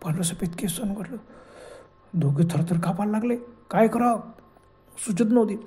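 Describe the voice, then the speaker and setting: A man's voice: sits high, normal speed, warm tone. A man narrating a horror story in a dramatic, suspenseful way.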